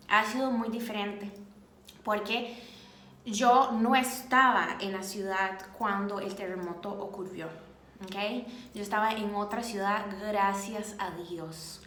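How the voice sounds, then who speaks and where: A woman from Costa Rica with a Costa Rican accent, talking earnestly and reflectively to camera in a casual vlog, often pausing to search for words. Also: medium pitch, a bit bright. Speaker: vlogger. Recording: echoey room with faint noise.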